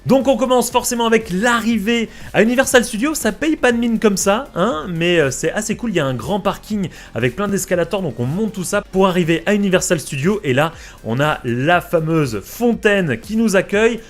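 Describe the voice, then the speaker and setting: A man's voice: high-pitched, animated, moderate pace. A young man, narrating a theme park tour vlog in a chatty way, with many fillers and asides. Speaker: vlogger touring a theme park. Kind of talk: casual vlog voice-over.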